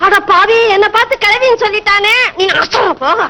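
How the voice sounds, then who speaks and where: A woman's voice: very high-pitched, fairly quick, sharp tone, a little hiss or hum, heavily acted. Wailing old village grandmother. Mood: indignant. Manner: wailing, lamenting sing-song. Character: fussy doting old village grandmother, loud and dramatic. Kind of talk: old Tamil film comedy acting.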